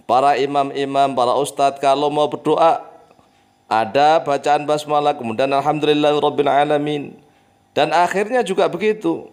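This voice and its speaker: Man giving a gentle Islamic talk. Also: on the high side. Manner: drawn-out, soft chanting of Arabic phrases. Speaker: Islamic preacher and teacher. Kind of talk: religious talk.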